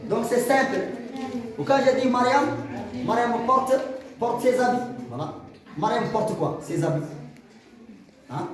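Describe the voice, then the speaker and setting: A man teaching a grammar lesson to a class, explaining with examples and putting questions to the students. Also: sits high. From Mauritania. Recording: echoey room from far off, crowd behind.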